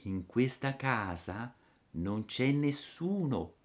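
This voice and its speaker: A man voicing a pale, ghostly little girl in a storybook reading, soft, slow and toneless. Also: medium pitch, big pitch swings, voice pushed up. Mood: eerie.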